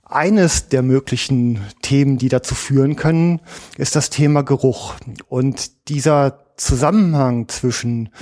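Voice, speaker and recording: A man hosting an audio interview show. His voice sits at a middle pitch, and he leads the conversation in a friendly, chatty way. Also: a little mellow. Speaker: podcast host.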